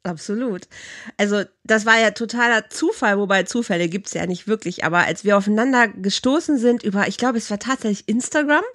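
A woman hosting a podcast, chatty and quick to laugh. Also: mid-range voice, fairly bright tone. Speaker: podcast host. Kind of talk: casual interview talk.

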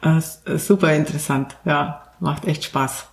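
Coach on a podcast, earnest, lots of ums, echoey room, middle pitch. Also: fairly even intonation, moderate pace, gravelly. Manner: earnest, explains with examples, many fillers. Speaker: communication coach, podcast guest. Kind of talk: explanatory interview talk.

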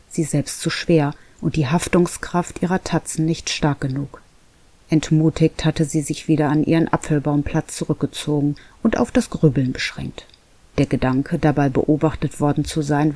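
A narrator reading a children's animal story aloud in a calm, even manner. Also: mid-range voice, normal speed, no echo. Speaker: audiobook narrator. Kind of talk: scripted narration.

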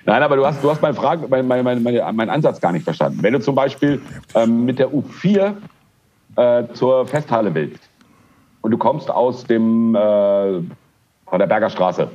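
A man's voice: mid-range voice, moderate pace, highs cut off. A man co-hosting a podcast, ranting animatedly in casual chat and often stumbling over his words. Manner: animated ranting, frequent hesitations. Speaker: podcast co-host.

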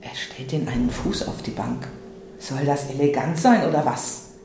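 Woman giving an expressive literary reading. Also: very deep voice, normal speed, vocal fry, slight background noise. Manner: expressive, switches between anxious and defiant. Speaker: reader. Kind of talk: literary reading, first-person interior monologue. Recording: very echoey room, faint ambience.

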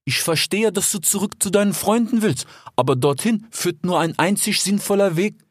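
A man voicing a smooth-talking male desert fox in a storybook, chatty and persuasive, ending his sentences with little tag questions. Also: high-pitched, moderate pace, dry recording, studio quality. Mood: coaxing. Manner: chatty, keeps tagging "ja?" and "ich schwör". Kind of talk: audiobook character voice.

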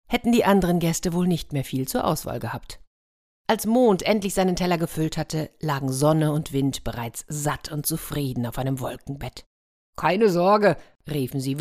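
A woman reading a fairy tale aloud to her listeners, lively and animated, with soft asides. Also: sits low. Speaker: storyteller.

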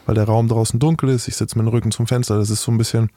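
A man's voice: mid-range voice, level tone, rapid-fire, mellow, dry recording. A middle-aged man speaking as an interview guest, talking frankly and matter-of-factly in a casual interview.

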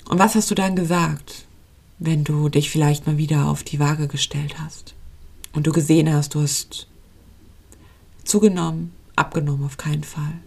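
A woman's voice: deep voice, steady tone, moderate pace, creaky, a little mellow, breathy edge. A woman coaching on intuitive eating in a podcast monologue, earnest and pleading as she speaks straight to the listener.

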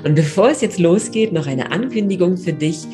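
A woman hosting a podcast interview, speaking in a measured, welcoming way. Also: fairly low pitch, lively intonation, music in the background. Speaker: podcast host.

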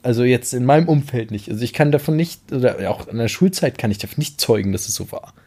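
Mellow-voiced German man, hesitant chat. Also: mid-range voice, lively intonation, fast talker, husky. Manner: hesitant, many restarts and fillers. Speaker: podcast co-host. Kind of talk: casual debate chat.

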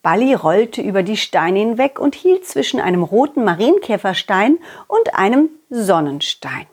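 A woman's voice: mid-range voice, sing-song, moderate pace, slightly rough. A woman narrating a children's story and speaking directly to young listeners in a playful way. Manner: warm, playful address to children.

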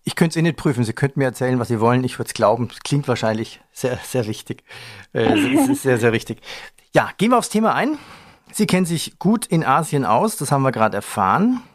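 A man moderating a finance podcast interview, brisk and lightly joking. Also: medium pitch, big pitch swings, dry recording, studio quality.

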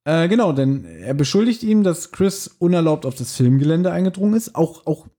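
Husky, animated man chatting on a podcast. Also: on the high side, normal speed. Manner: animated, laughing, quoting scenes in put-on voices. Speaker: podcast co-host. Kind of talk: casual chat reviewing a radio play.

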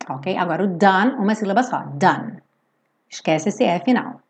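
A woman teaching English pronunciation through song lyrics. She sings and sounds out lines slowly, then explains quickly. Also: mid-range voice, lively intonation.

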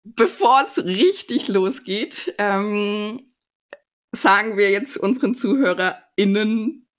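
Woman as podcast host, unhurried and lively in pitch, chatty and telling stories. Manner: chatty, storytelling. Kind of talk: casual podcast interview.

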